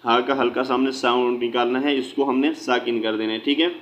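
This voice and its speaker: A man teaching Quran recitation, spelling out each syllable slowly and then explaining in quick asides, often checking with "theek hai". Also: medium pitch, fairly even intonation, fairly bright tone, highs cut off. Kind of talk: slow spelled-out recitation lesson.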